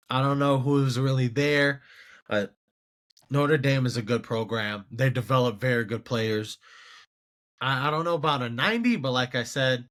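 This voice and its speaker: A man's voice: mid-range voice, fairly bright tone. A man hosting a casual sports commentary show, rambling and incredulous as he talks to himself. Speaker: show host.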